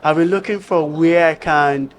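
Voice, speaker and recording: This young man from Nigeria tells his story as a panel guest in an earnest, halting way, often restarting his sentences. His voice sits fairly high for a man. A faint ambient hiss stays under the recording. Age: young adult. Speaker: guest, tech entrepreneur. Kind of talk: panel conversation. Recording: faint ambient background noise.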